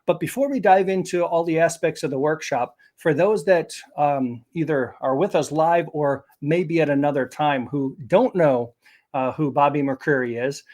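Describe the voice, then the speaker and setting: A man's voice: a little high, a little mellow. A man hosting a live online interview, presenting in an upbeat, promotional way over a video call. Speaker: host.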